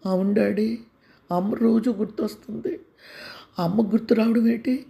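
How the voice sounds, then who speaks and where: A man voicing a frightened seven-year-old boy with a fever, high and pleading in a storybook reading. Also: steady tone, moderate pace, vocal fry, mellow.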